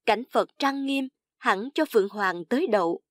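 Bold young scholar in witty courtly banter, voiced by a woman narrator, slightly high voice. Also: animated, moderate pace, no echo, studio quality, natural voice.

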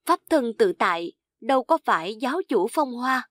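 Graceful young beauty with gentle, witty replies, voiced by a woman narrator, a little high and dry. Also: very animated, moderate pace, no echo. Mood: demure. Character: shy, graceful young beauty, quick-witted.

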